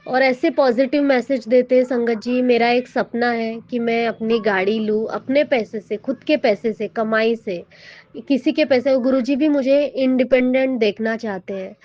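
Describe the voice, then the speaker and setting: A woman's voice: on the high side, steady tone, normal speed, a little mellow. A woman giving an earnest, emotional personal devotional testimony, often addressing her listeners directly. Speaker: devotee sharing her experience. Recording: dull, dry lo-fi audio.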